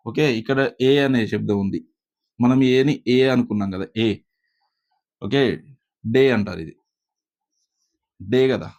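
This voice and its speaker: A man teaching a spoken pronunciation lesson, explaining slowly with many pauses and fillers. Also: mid-range voice. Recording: slightly dull lo-fi recording.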